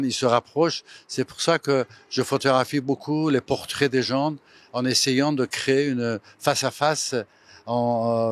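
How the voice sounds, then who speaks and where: An older man from Iran, a photographer giving a slow, hesitant interview statement full of fillers. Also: mid-range voice, no room sound.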